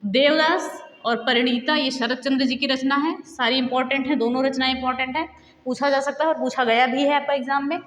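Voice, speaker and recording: एक महिला शिक्षिका परीक्षा की तैयारी का पाठ पढ़ाती है, तेज़ी से सूची पढ़ती है और बीच-बीच में श्रोताओं से सवाल पूछती है।. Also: female voice, high-pitched, steady tone, a bit bright, a little hiss or hum. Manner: brisk list-reading with quiz questions to viewers. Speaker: teacher. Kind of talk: exam-prep lesson. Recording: echoey room with long reverb.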